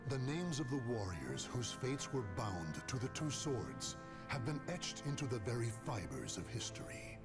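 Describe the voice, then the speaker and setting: An actor narrating a fantasy epic in a slow, grave voice over loud music. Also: male voice, medium pitch, very animated, natural voice. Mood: solemn. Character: solemn male narrator of an epic. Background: loud game music.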